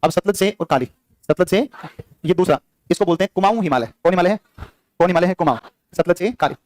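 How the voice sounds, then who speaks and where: Rapid-fire male teacher drilling students. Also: high voice. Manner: rapid, repetitive drilling with quiz questions to students. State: sore throat. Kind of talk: exam-prep classroom lecture.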